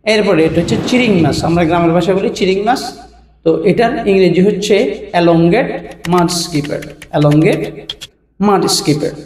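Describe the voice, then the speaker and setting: A man teaching English vocabulary in a casual way, repeating each term slowly word by word and sometimes laughing softly. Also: high voice. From Bangladesh. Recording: roomy echo, voice heard from a distance, faint noise.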